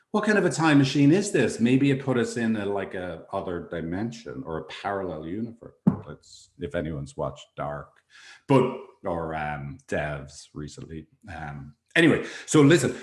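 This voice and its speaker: A man giving a relationship presentation, telling a story with animated energy and acting out both sides of an argument. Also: lowish voice, reverberant. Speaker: relationship speaker.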